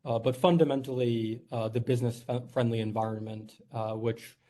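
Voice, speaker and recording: A man's voice: mid-range voice, fairly even intonation, moderate pace, dark tone. A man from New York, a company executive giving a formal presentation at a board meeting, earnest and polite, with frequent "uh"s. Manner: earnest, filler-heavy, polite.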